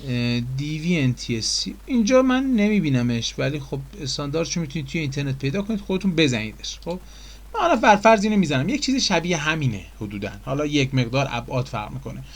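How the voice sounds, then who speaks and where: A man casually explaining software menus in a screen-recorded tutorial, chatty and full of fillers. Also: a little high, very animated. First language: Persian.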